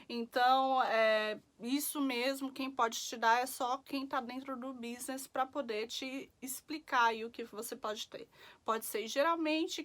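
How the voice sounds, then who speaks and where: A woman's voice: a little high, a bit bright. A young woman from Brazil chatting casually as a vlogger, full of fillers and tag questions. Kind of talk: casual chat.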